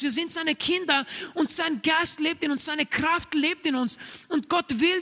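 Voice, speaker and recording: Male preacher, very high voice, earnest and urging, long hall reverb. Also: sharp tone. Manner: earnest, urging, repeats key phrases. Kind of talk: sermon.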